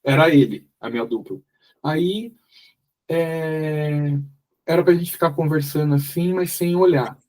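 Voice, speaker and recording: A man's voice: a little high, unhurried, darkish tone. A man with a Brazilian Portuguese accent leading a casual mentoring session over a video call, rambling and repeating his words. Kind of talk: casual group mentoring chat.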